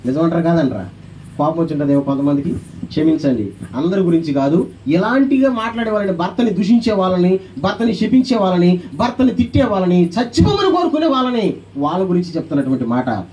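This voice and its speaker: A man preaching a sermon as pastor, animated, calling on the congregation to answer aloud and acting out quoted voices. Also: high voice, fast, recorded from a distance, highs cut off.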